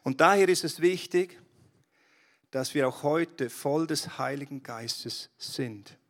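A man preaching a sermon, asking his listeners direct questions and building to loud, impassioned exhortation. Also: fairly high pitch, takes it slowly. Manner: speaks straight to the listener with questions. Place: church hall.

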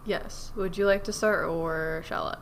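A young adult woman co-hosting a podcast, relaxed and quick to laugh. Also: on the low side, a little hiss or hum. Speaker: podcast co-host. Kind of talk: casual chat.

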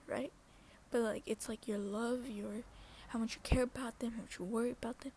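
A woman's voice: on the high side, a little mellow, a little hiss or hum. A woman hosting her own podcast, rambling and self-conscious, often dropping into a half-whisper. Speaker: podcast host. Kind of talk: casual solo talk.

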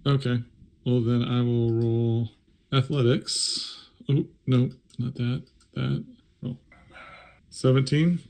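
Male player, tabletop game, tentative and thinking aloud, gravelly. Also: mid-range voice, fairly even intonation, slow, a little mellow. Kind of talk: casual tabletop game play.

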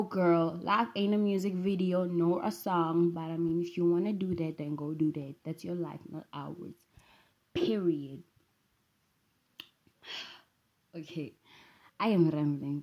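A young woman hosts her vlog from home, talking in a loose, rambling way full of playful, sassy asides. Her voice sits a little low and sounds soft and mellow rather than bright. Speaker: vlogger. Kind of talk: casual rambling chat.

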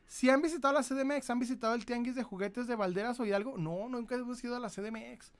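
A man's voice: very high voice, fast. A man with a Mexican accent hosting a collectibles livestream, telling rambling, profane anecdotes in casual chat. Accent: Mexican Spanish.

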